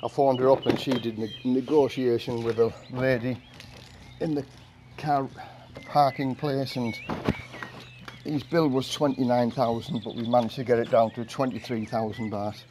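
An older Englishman, a vlogger, chats casually while washing his car under the carport of a house, rambling through stories in a monotone at medium pitch and moderate pace. His camera mic sits a few meters away, catching birdsong and rural ambience with slight background noise.

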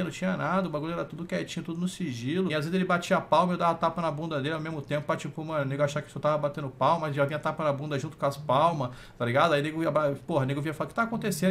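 Man, Brazilian accent, high pitch, rapid delivery, brash, slangy, sweary, casual streamer chat. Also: gravelly, a bit bright. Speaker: game streamer. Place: small room at home, indoors.

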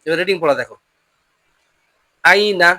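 A Quran reading teacher giving a patient lesson, drilling pronunciation call-and-response, often repeating questions and slowing down to model each word. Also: medium pitch, lively intonation, bright, forceful tone, no echo.

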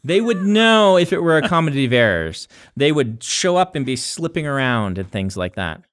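A man in his forties co-hosts a podcast, chatting casually and playfully, rambling and correcting himself as he goes. His voice is a little high and sing-song, at normal speed with a fairly bright tone. He is in a small indoor studio set, speaking into a boom-mounted studio mic.

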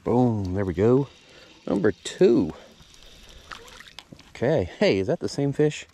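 A man's voice: very animated, slow pace, vocal fry, warm tone. A man, giving casual, upbeat commentary from a boat while fishing, recorded on an action camera outdoors. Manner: laid-back, upbeat, says "boom" a lot. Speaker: fishing channel host.

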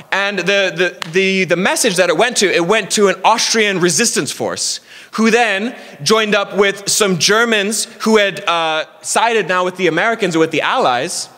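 A man with a fairly high voice delivers an energetic sermon. He tells a war story in bursts, tripping over repeated words as he builds toward his points. The sound carries a long reverb from a large church hall. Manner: energetic preaching with storytelling and stumbling restarts. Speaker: preacher.

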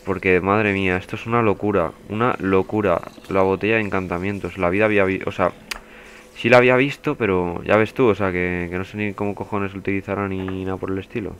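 A man's voice: low-pitched, steady tone, a little fast, a little hiss or hum. A young man giving casual, swearing let's play commentary as a gaming youtuber. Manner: swearing, chatty, bursts into panicked yelling.

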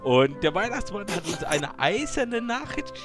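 High, animated man hosting a game show. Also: unhurried. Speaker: host. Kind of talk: casual excited gaming show chat in German. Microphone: voice chat over a game. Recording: music behind the voice.

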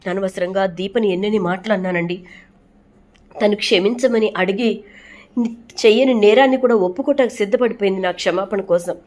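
A woman's voice: medium pitch, a little fast, long pauses, a little mellow, lightly acted. A woman voicing a remorseful, tearful mother. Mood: distressed. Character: distraught middle-aged mother, remorseful.

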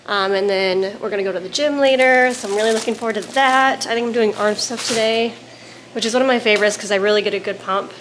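There's background noise as a woman, a vlogger and photographer, cooks at home and chats to camera at a quick pace. Her medium-pitched voice rambles casually, peppered with "like" and "um."

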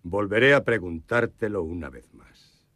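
An actor in a dubbed western playing a cold, threatening young outlaw with a very husky voice. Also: male voice, on the low side, animated, unhurried, a bit bright, no echo. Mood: menacing. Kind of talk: dubbed film acting.

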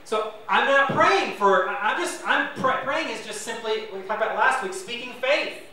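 A man's voice: extremely high pitch, animated, moderate pace, bright, forceful tone, heavy reverb, distant mic, slight background noise, rough recording. A man preaching a sermon to his congregation as pastor, conversational and self-deprecating, with asides to the listeners. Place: church sanctuary.

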